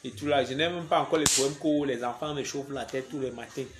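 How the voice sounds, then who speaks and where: A man's voice: mid-range voice, quick pace, noisy background. Joking Cameroonian man live-streaming. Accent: Cameroonian French. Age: young adult. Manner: playful, joking, reads viewer comments aloud. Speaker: comedian doing a live stream. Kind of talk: casual live-stream chat.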